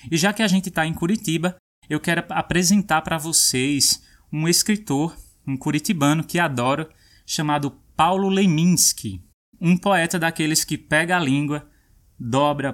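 Man hosting a pronunciation lesson. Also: on the high side. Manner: explanatory, clear, demonstrates pronunciations. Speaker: host. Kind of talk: language lesson presentation.

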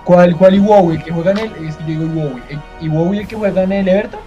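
A man's voice: high voice, quick pace, over music. A man in casual podcast banter, hesitating with fillers as he tries to recall names. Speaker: podcast co-host playing a trivia game. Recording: dull, slightly lo-fi mic.

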